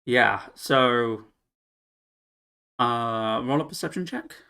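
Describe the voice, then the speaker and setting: A man narrating as game master of a tabletop game, halting with fillers and restarts. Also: medium pitch, gravelly, sharp tone, clear, resonant tone.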